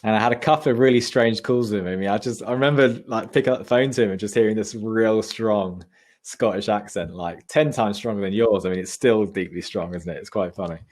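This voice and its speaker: A man's voice: on the low side, brisk, a little mellow. A man reminiscing casually as a podcast guest, with an informal, matey, sometimes sweary way of talking.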